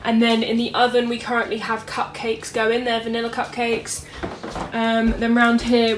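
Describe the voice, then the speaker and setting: A young home baker and vlogger with a slightly high voice gives a casual walkthrough of her home kitchen on a handheld camera, with slight background noise. She's chatty and says "um" a lot, showing things as she goes.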